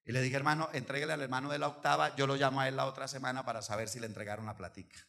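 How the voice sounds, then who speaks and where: An older man, a pastor, preaching a sermon and telling a story with animated, acted-out dialogue. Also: medium pitch, very fast, vocal fry. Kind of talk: sermon with anecdote.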